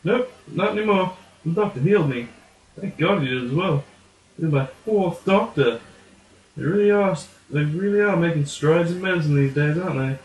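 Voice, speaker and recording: A goofy sock puppet townsperson acted out by a man, chirpy and chatty in a raised pitch. It is an amateur puppet comedy recorded in an echoey room. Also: normal speed, distant mic, close to an everyday voice. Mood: cheerful, goofy. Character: cheerful, chatty townsfolk sock puppets making small talk.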